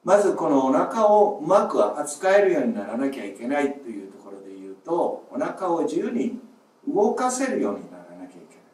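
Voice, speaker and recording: A male music teacher giving a video lesson on breathing exercises, calling out short, loud counts as he demonstrates. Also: a little high, very animated, a little fast. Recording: roomy echo, distant mic.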